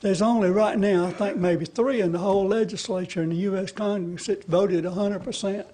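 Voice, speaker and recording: An older man in his 70s or beyond, a citizen activist, testifies to a legislative committee at a podium in a large indoor hearing room with a seated audience, speaking into a gooseneck microphone. His testimony is rambling and folksy, often checking in with listeners, and his high voice is brisk, mellow, and fairly even.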